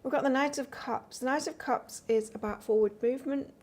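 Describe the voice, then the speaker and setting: A woman's voice: high-pitched, brisk. A woman from the north of England with an accent mixed between northern English and Australian, giving a casual live-stream tarot reading in a chatty, rambling way and chatting with her viewers between cards. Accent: mix of northern English and Australian. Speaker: tarot reader.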